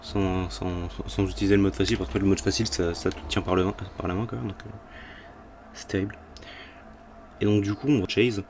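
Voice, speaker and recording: A man's voice: low voice, fairly even intonation, brisk, darkish tone, a little hiss or hum. A man giving casual, rambling, jokey commentary as he plays through a video game. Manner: rambling, jokey, mild swearing. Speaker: gaming video host. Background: game music.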